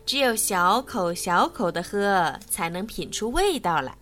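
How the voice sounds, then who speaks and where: Cast: woman doing a smug, boastful male race car, lively sing-song lines, storybook. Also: medium pitch, moderate pace, soft background music, natural voice. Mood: haughty. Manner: haughty and mocking.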